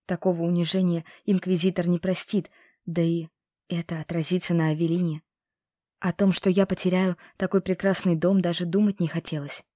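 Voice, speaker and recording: Soft, mellow woman reading an audiobook. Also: lowish voice, no room sound, clean studio sound. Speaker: audiobook narrator. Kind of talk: first-person audiobook narration.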